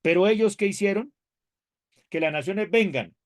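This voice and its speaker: A pastor with a high voice and moderate pace teaches a seminary theology class, lively and conversational in tone. He questions his students, jokes, and reads scripture aloud with emphatic rises.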